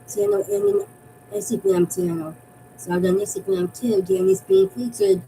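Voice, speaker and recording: Rambling woman from Massachusetts, faint rumble. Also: mellow, low-quality recording. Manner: rambling, repeats and restarts phrases. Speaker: fan vlogger. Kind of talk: casual fan theory chat.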